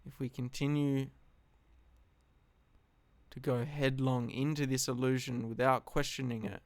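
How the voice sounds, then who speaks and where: A man giving an earnest, reflective philosophical monologue, speaking deliberately in short phrases with long pauses. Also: medium pitch, level tone, dry recording. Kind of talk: solo reflective monologue, slow spoken address.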